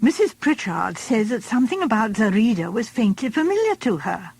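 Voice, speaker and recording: Woman doing a no-nonsense nurse, brisk, husky, dry. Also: fairly high pitch, big pitch swings, a little mellow, dry recording, exaggerated voice. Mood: matter-of-fact. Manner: brisk, matter-of-fact.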